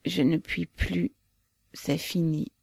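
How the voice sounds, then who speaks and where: A woman voicing a dying man who speaks weakly in a hoarse whisper. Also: deep voice, steady tone, slow pace, darkish tone, no echo, full character voice. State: faint and hoarse.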